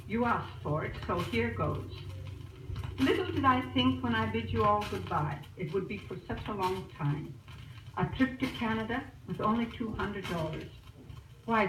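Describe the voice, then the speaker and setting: A woman's voice: mid-range voice, far from the mic. A woman chatting through a spoken letter to her family back home, heard as an old disc recording. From Australia. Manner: chatty, newsy storytelling. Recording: noisy echoey old disc recorded from afar.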